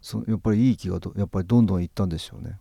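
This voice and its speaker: A man hosting a radio talk show, chatting calmly and gently about qi healing and laughing softly now and then. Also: sits low, very fast, vocal fry, no echo, studio quality. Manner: calm, gentle, explaining with soft laughs.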